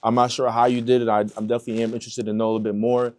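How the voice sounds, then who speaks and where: A man's voice: mid-range voice, flat delivery, rapid-fire, a little mellow. A man hosting a casual interview, affirming and reflecting on his guest's story with lots of "you know" and "like.". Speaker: host.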